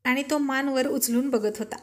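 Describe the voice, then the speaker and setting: A woman's voice: high-pitched, steady tone, moderate pace. A woman narrating a serialized romantic family story in a homely storytelling manner.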